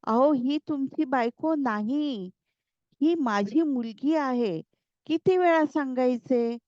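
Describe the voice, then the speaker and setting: Give me an anxious, respectable father, as a woman narrator voices him, pleading in an exasperated way. His lines come slow and a bit high, recorded dry. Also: a little mellow, dry recording, lo-fi sound. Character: worried middle-aged father, respectable and exasperated.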